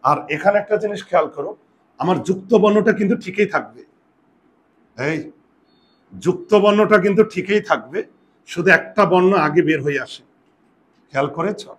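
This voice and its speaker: Fairly high-voiced man teaching a lesson. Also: animated, normal speed, long pauses. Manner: explanatory, asks the class questions. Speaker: Bengali grammar teacher. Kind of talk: classroom lesson on pronunciation.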